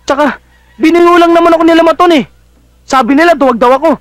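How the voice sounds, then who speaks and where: Mischievous young thief, Filipino accent, very high pitch, rapid, glib, excuse-making, film drama, dry sound. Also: male voice, no echo. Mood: defensive. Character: mischievous, pesky young cousin, petty thief, policeman's son. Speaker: actor in a film.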